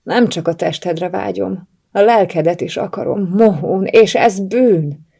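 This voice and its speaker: A woman reading the lines of a lovesick young male police officer in an audiobook, in an intense, low-voiced way. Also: gravelly, warm tone, breathy edge. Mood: longing.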